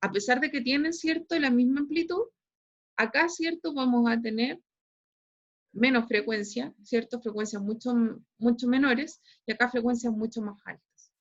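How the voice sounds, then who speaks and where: A woman's voice: on the high side, moderate pace, muffled recording. A woman with a Chilean accent teaching a physics class online, explaining patiently and checking in with "right?" after nearly every phrase. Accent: Chilean Spanish. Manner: explains patiently, constantly tags phrases with "¿cierto?". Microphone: computer mic on a video call.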